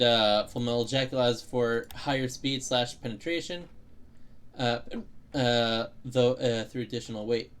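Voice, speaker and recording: A young man streaming a game, explaining its mechanics in a rambling way with lots of fillers and restarts, hiccuping now and then. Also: medium pitch. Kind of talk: casual gameplay commentary.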